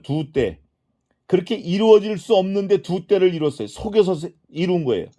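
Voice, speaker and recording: With a warm, high-sitting voice, a middle-aged man preaches an expository sermon as pastor. Questions he puts to the congregation get answered by him, and quoted prayers and speech are acted out.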